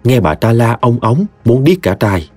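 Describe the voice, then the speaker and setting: A man with a Mekong Delta Vietnamese accent narrating a humorous story in a lively, expressive way. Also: medium pitch, moderate pace, dry recording. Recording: dry close studio voice, soft music behind.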